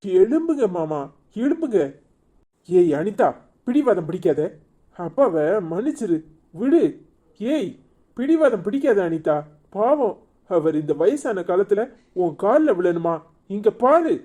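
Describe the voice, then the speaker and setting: Performer doing a mellow-voiced cartoon young husband. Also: mid-range voice, sing-song, measured pace. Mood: coaxing. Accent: Tirunelveli Tamil. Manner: scolding then coaxing, repeats pleas. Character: young husband, protective and reasoning. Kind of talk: cartoon serial voice acting.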